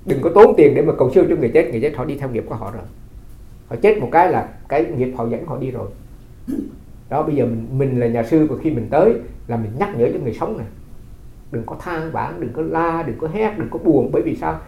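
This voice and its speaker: A Buddhist monk giving a dharma talk, telling stories and asking rhetorical questions. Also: male voice, medium pitch, lively intonation, fast talker, creaky. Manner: conversational storytelling with rhetorical questions. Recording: roomy, slightly dull recording.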